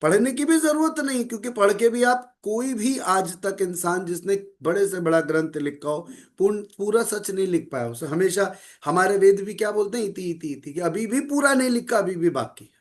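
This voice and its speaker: Calm middle-aged guy, measured spiritual talk, voice a bit on the high side. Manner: calm, measured, mixes Hindi with English phrases. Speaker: spiritual speaker.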